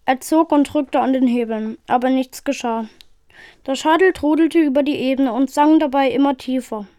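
A woman reading an adventure novel aloud in a steady storytelling manner. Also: high voice, moderate pace, no room sound, studio quality. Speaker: reader.

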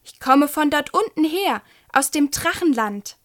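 A woman's voice: sits high, animated, unhurried, fairly bright tone. Woman reading as small hissing dragon boy.

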